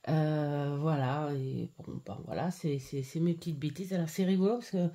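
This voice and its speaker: A middle-aged woman chatting casually at home as she reviews an oracle card deck, pausing often with fillers and restarts. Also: low-pitched, warm tone. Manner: hesitant, full of "euh" fillers and restarts. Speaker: tarot and oracle card vlogger. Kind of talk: casual unboxing and review chat.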